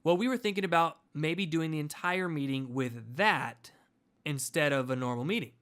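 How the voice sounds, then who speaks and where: Chatty guy talking to camera, kinda high voice, bright and forceful. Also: moderate pace, clear, resonant tone. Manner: chatty, playful and upbeat. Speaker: host of a public speaking channel. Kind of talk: casual direct-to-camera talk.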